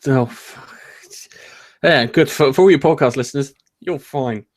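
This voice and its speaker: A man's voice: mid-range voice, measured pace. A man hosting a casual gaming podcast, joking and rambling with frequent restarts. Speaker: podcast host.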